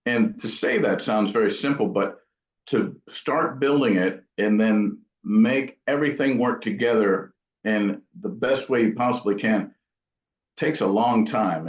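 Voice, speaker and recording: A man with a lowish voice speaks at a moderate pace, answering interview questions casually as a guest craftsman who builds guitar amps. He thinks out loud and corrects himself along the way. The recording sounds roomy, dull and lo-fi.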